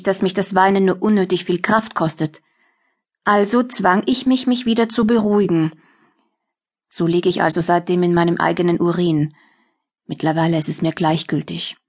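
Woman narrating a tense audiobook. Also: mid-range voice. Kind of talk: first-person scripted narration.

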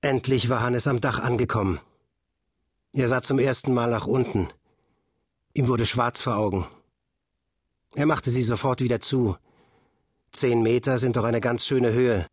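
A male audiobook narrator reading a story in a calm, measured way. His mid-pitched voice has a husky texture. The recording is dry and close, with no room sound. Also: no echo.

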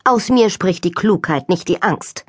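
Woman doing stern old servant woman, grumbling, suspicious, low husky voice, storybook. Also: animated, unhurried, no echo, studio quality. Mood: grim, scolding. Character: grim, suspicious older female servant.

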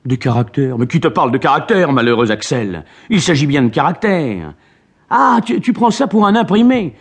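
A man voicing an excitable, irascible old male professor in an audiobook, scolding and impetuous. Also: medium pitch, fairly quick, husky. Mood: excited. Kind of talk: dramatized audiobook reading.

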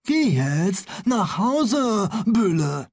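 A man voicing a gentle, eccentric old male professor who speaks slowly and pleadingly in a children's audiobook. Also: high voice, sing-song, husky, no echo, studio quality, pitched above the performer's own voice, exaggerated voice. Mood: resigned.

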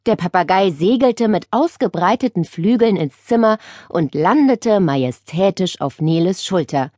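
A woman narrating a children's audiobook with expressive storytelling. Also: medium pitch, moderate pace, no room sound, clean studio sound.

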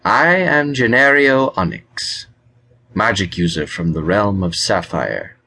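A man voicing a calm, scholarly male wizard with a rich voice, courteous and flattering. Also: on the low side, takes it slowly, heavily acted. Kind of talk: audiobook character reading.

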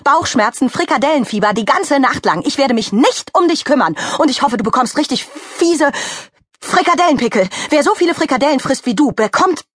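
A woman voicing an angry young female friend who scolds and shouts in a children's audiobook. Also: high voice, expressive, a little fast, no echo, clean studio sound, voice pushed up. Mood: spiteful scolding.

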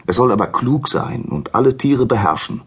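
A man's voice: mid-range voice, animated, moderate pace, slightly rough, voice pushed up. A man voicing an eager, curious male god in a children's audiobook, asking questions in a raised voice. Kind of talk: storybook character voice.

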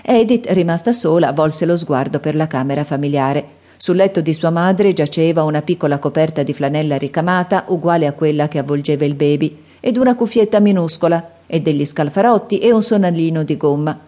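A woman narrating a classic novel as an audiobook, in a calm, even storytelling manner. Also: sits low, fairly quick, few pauses. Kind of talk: scripted narration.

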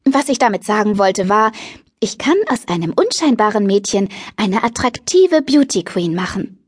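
A woman's voice: mid-range voice, lively intonation, moderate pace, husky, no echo, studio quality. Chirpy fashion-mad teen girl, woman reading her in an audiobook, bouncing all over the place. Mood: bubbly. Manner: chirpy, pushy and carefree. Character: bubbly fashion-crazy teenage girl matchmaker.

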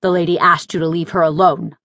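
A stern frontier man who gives orders in a brisk, clipped way, voiced by a woman narrator. She lowers her voice for him, and the recording is dry and close-miked. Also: fairly even intonation, a bit bright, no room sound. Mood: commanding. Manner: clipped, commanding.

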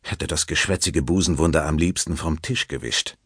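A man narrating an audiobook in an expressive, varied reading on a close studio mic. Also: a bass voice, normal speed, slightly rough, no echo. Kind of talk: scripted narration.

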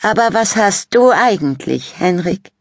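A woman's voice: medium pitch, expressive, measured pace, no echo, studio quality, pitched above the performer's own voice. A woman voicing a vain, bossy fourteen-year-old girl who talks in a boastful, snippy, sing-song way. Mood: preening.

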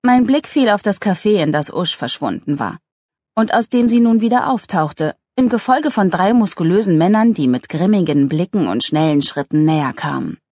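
A woman narrating a humorous novel with a lively, ironic delivery. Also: normal speed, no room sound, clean studio sound. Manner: lively, ironic, voices characters with raised pitch. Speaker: audiobook narrator.

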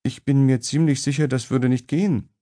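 A man's voice: medium pitch, steady tone, a little fast, mellow, voice pushed up, lightly acted. Man putting on a teasing young woman's voice. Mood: evasive. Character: young woman, ballet dancer, teasing and bubbly. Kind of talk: audiobook character voice.

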